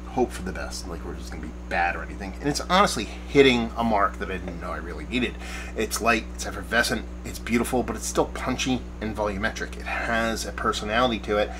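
A man's voice: fairly low pitch, background noise. Bearded man rambling through a beer review. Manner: rambling, searching for words, enthusiastic. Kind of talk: casual beer review to camera. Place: backyard shed studio at night, small room.

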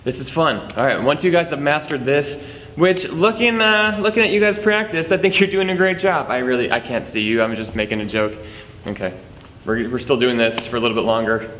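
A man's voice: medium pitch, fairly quick, a bit bright. Playful man teaching juggling in an echoey room. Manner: playful, jokey teacher chatting to the viewer. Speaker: juggling instructor. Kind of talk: instructional video. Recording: echoey room with long reverb, faint noise.

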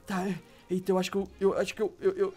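A man's voice: sits high, quick pace, faint music behind. A man in a Minecraft role-play, flustered and repeating himself as a clumsy hero. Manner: flustered, repeats "calma" and "meu Deus". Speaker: YouTuber playing a clumsy poor hero.

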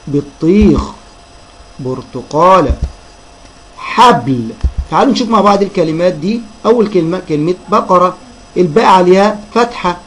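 A man with an Egyptian Arabic accent narrates a reading lesson for young children, stretching each syllable as he drills the sounds. His voice sits a touch high, and a faint hiss runs underneath it. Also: rough recording. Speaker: teacher.

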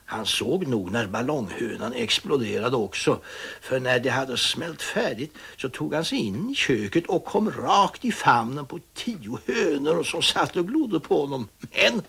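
Man as a mild old farmer, gravelly raspy voice, storybook. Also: medium pitch, very animated, pushed and bright, exaggerated voice. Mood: cheerful. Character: kindly old farmer, gentle and musing.

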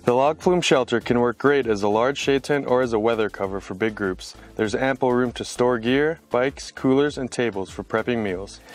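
A man with a mid-range voice reads product copy in an even, informative advertising style. Light music sits under the voice-over. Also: mid-range voice. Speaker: product narrator. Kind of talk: scripted promotional voice-over.

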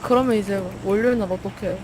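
A woman's voice: mid-range voice, fairly even intonation, quick pace, background noise. A young woman casually chatting while playing an online game, exclaiming and repeating herself.

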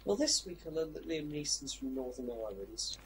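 A man's voice: fairly high pitch, lively intonation, brisk, slight background noise, poor audio. A man chatting with friends during a game, curious and full of questions. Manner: curious, asks lots of questions. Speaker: gamer in voice chat. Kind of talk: casual chat over a game.

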